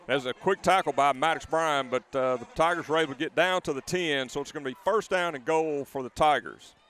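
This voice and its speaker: A man's voice: fairly high pitch, a little fast, fairly bright tone. Folksy football color man. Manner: conversational, repeats words as he restarts. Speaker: color commentator. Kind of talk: live football color commentary. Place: outdoors at a high school football stadium.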